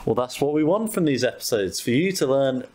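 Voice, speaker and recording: A man's voice: mid-range voice, expressive, fairly quick, a little mellow, a little hiss or hum. Man teasing through a slang quiz. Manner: teasing, dry humor. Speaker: podcast co-host. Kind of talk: casual chat, quizzing on slang.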